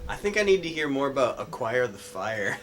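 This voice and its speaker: A man co-hosts a live game stream, dropping dry one-liners into the casual chat. His voice sits at an average pitch for a man, with faint game music behind him. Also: very animated, brisk, a bit bright. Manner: dry quips. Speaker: co-host.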